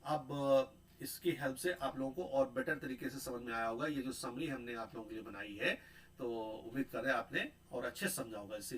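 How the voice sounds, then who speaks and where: A man giving a pronunciation lecture, repeating sounds and words slowly and often checking in with a tag question. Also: medium pitch, pushed and bright, low-quality recording.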